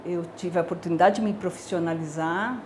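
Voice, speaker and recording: A woman's voice: on the low side, a little fast, a little mellow, a little hiss or hum. A woman in her sixties with a Brazilian Portuguese accent, a dermatology professor recounting her career in a reflective, hesitant way with many filler words. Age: 60s. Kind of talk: personal career testimony.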